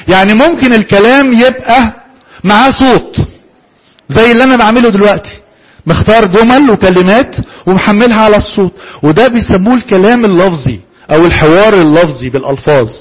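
A man's voice: high voice, slightly rough, low-quality recording. A man with an Egyptian Arabic accent gives an interactive lecture to a live audience, posing questions and then answering them himself.

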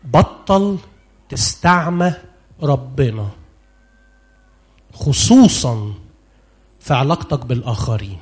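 An Egyptian preacher delivers a sermon in a high, lively voice, throwing questions out to his listeners and pressing for answers aloud. He shifts between urgent appeals and quiet, low asides. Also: breathy edge. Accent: Egyptian Arabic. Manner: animated, questioning the congregation.

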